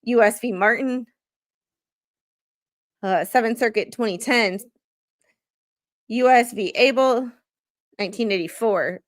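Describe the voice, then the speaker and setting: Speaking at a fairly high pitch, this woman runs a livestream where she comments on legal filings as a layperson. She reads them out unevenly and keeps the talk relaxed and self-mocking.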